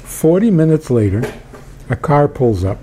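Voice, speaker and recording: A man, a rabbi, tells an anecdote in conversation, slipping into the voices of the people in it. He speaks slowly and deliberately with a warm, mellow tone. Faint room ambience sits behind him. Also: on the high side, slight background noise. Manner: animated anecdote with quoted dialogue and chuckles. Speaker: rabbi telling a story. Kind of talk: storytelling in conversation.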